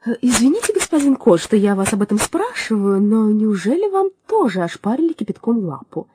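A woman's voice: fairly high pitch, sing-song, fairly quick, mellow, slight background noise, pitched above the performer's own voice. Brief: a woman doing a worried, mumbling storybook turtle, full of sympathy. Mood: fretful. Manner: anxious, mumbling. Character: fretful sympathetic old turtle.

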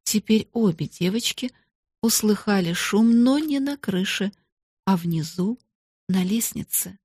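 A woman narrating a classic children's story aloud in a steady, expressive audiobook reading. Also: mid-range voice, measured pace, breathy edge, no room sound, clean studio sound.

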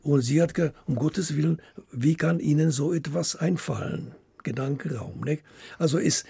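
An author of radio plays, appearing as a guest, shares recollections in an interview, speaking haltingly and often ending phrases with tag questions. His voice is husky and gravelly yet fairly high and warm, recorded without echo.

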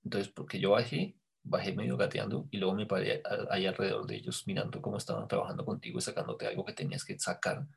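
A man telling a personal story in a casual conversation, animated and dropping to a hushed voice at tense moments. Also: fairly low pitch, fast, vocal fry, few pauses, husky. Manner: animated storyteller, drops to hushed voice when quoting himself. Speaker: guest recounting an experience.

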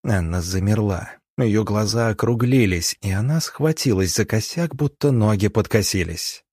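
A male audiobook narrator reads in a steady, measured way. His voice is low and slightly husky. The recording is dry and close. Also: no echo. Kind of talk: scripted narration.

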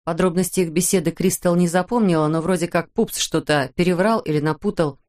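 Audiobook narrator, woman, lowish voice, measured. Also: fairly even intonation, a little mellow. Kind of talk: scripted narration.

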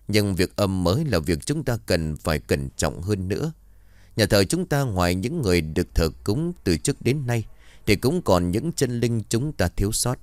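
A man's voice: low voice, a little mellow, no echo, studio quality. A man voicing an earnest middle-aged villager giving a formal speech to his family clan.

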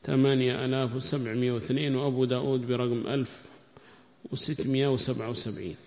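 Man dictating a hadith lesson. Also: flat delivery. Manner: repeats each phrase slowly for dictation; recites quoted text louder and higher. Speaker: Islamic studies teacher. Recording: long hall reverb.

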